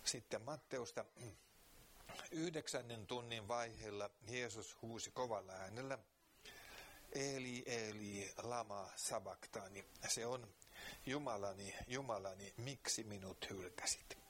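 A man preaching, reading scripture aloud slowly and earnestly, then praying, with occasional fillers. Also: lowish voice, a bit bright, slight background noise. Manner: slow, earnest Bible reading with pauses and fillers.

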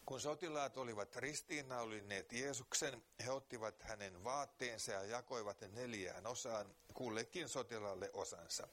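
A man preaching, reading scripture aloud slowly and earnestly, then praying, with occasional fillers. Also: medium pitch, a bit bright. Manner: slow, earnest Bible reading with pauses and fillers.

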